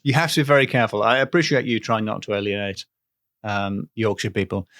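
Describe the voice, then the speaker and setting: A man's voice: on the low side, steady tone, a little fast, a bit bright, no echo, clean studio sound, faint music behind. A man co-hosting a comedy podcast, playful and jokey, with a stuffy nose from a cold. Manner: playful, jokey, breaks into laughter. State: bunged up with a cold. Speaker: podcast co-host. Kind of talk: casual comedic chat.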